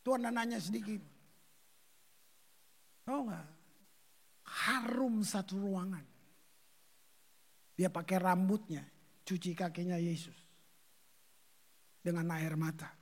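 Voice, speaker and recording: A male pastor preaching a sermon in slangy, animated storytelling, acting out the people in his stories. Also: high-pitched, takes it slowly, long pauses.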